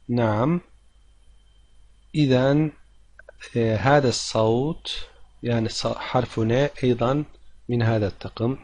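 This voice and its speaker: A man teaching a language lesson, explaining step by step with frequent pauses, repeating himself and counting syllables aloud for his students. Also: mid-range voice, darkish tone, lo-fi sound. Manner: patient, halting explanation with frequent pauses and repetitions; addresses learners directly to draw their attention.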